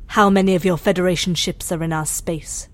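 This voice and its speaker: A woman voicing a cool, politely menacing alien interrogator in a sci-fi audio drama, measured and condescending. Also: on the low side, fairly even intonation, lightly acted.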